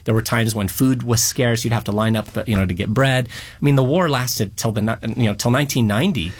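Man in his 40s, interview guest, earnest storyteller, light humor, mid-pitched voice. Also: fairly quick. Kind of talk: radio interview.

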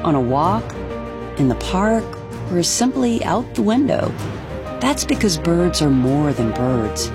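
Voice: medium pitch, sing-song, slow pace, music in the background. A commercial narrator reading a scripted nonprofit advert.

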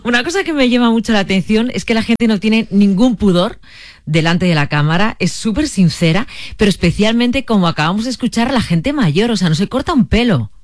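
A woman hosts a radio interview, putting questions to her guest with easy curiosity. Her pitch is ordinary. The sound is close and dry. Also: animated, fairly quick, dry recording. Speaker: radio host.

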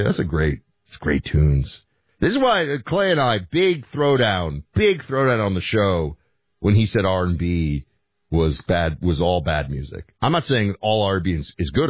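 An American man hosting a talk radio show, thinking aloud in halting commentary, his throat hoarse and scratchy from talking late. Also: sits low. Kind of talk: conversational political commentary with listener calls. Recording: roomy echo, slightly dull audio.

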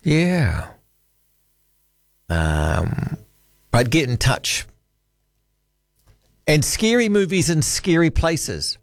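A man's voice: a little high, sing-song, drawn-out words, long pauses, dry recording, clean studio sound. A man hosting a late-night talkback radio show, chatting and bantering with callers. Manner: chatty, warm-hearted banter, restarts. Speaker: radio host. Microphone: studio microphone.

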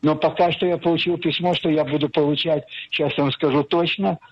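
A man's voice: fairly high pitch, steady tone, a little fast. A man in his sixties calling a radio show with a question, hesitant and full of fillers. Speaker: caller. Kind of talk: call-in question. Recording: muffled phone line.

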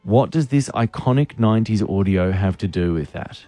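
A man's voice: fairly low pitch, animated, moderate pace. An Australian man hosting a radio quiz with casual banter. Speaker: radio host. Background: music.

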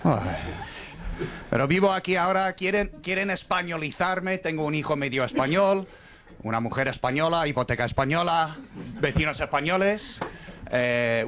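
A foreign man from an English-speaking country does a stand-up set on a comedy club stage while the audience laughs. His voice is a little high and fairly bright, with slight background noise, and he tells wry, self-mocking stories that land on punchlines.

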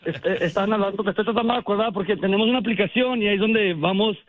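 A young man in his twenties calls in over a tinny phone line. His voice is high, and he talks hesitantly, hunting for words. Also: very fast, no echo. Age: 20s. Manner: hesitant, many fillers. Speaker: caller. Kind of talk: casual phone chat.

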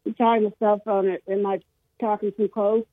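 A caller on a radio show, heard over the phone, who talks in a halting way and often repeats and restarts words. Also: mid-range voice, little pitch movement, no echo. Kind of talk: call-in radio chat. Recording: tinny phone line, dry.

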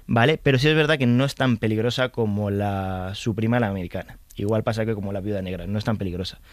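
A man from Spain speaking as a guest expert, calmly explaining and reassuring. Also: lowish voice, quick pace, dry recording. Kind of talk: explanatory conversation.

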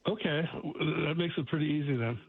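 A man's voice: on the high side, brisk, creaky. A man in his seventies calling in to a radio show over the phone, friendly and chuckling, with hesitant fillers. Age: 70s. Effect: calling in over a phone line. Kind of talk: casual call-in chat. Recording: tinny phone line.

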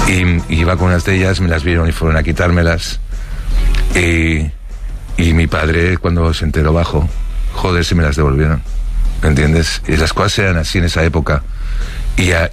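Low-voiced man from Barcelona, halting storyteller. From Barcelona, Spain. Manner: hesitant, many fillers and restarts, chuckles while telling. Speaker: interviewee. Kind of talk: recounting life stories.

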